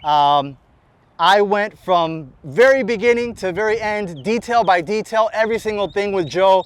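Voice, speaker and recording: Brief: American man who owns a shop, energetic and enthusiastic, high smooth voice, outdoor street walkaround. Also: no room sound. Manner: energetic, enthusiastic, talks fast in long run-on sentences. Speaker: shop owner presenting a car. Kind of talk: unscripted walkaround presentation. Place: outdoors on a closed city street beside a car.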